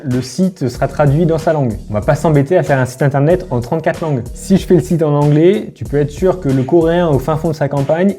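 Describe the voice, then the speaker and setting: A man's voice: a little high, warm tone. A young French man delivering a scripted vlog monologue, speaking straight to the viewer in an informal, direct way. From France. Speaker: YouTuber and brand founder. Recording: faint background music.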